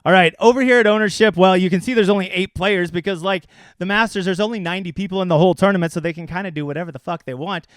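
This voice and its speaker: A man's voice: high-pitched, steady tone, very fast, clear, resonant tone, no room sound. A man casually breaking down fantasy golf picks on a livestream, crude and joking. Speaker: fantasy sports analyst.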